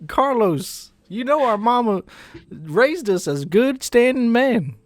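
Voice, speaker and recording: A man's voice: extremely high pitch, sing-song, slow pace, no echo, clean studio sound, heavily acted. A man voicing a simple, folksy grown brother with a drawling rural dialect and fretting exclamations, in a tabletop game. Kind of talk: tabletop role-play voice.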